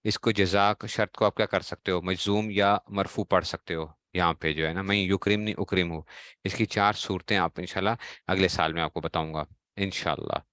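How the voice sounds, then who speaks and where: Deep-voiced man teaching a class. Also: fairly even intonation, moderate pace, a bit bright, no echo. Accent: Pakistani Urdu. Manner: explains in a question-and-answer style, quizzing students. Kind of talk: classroom grammar lesson.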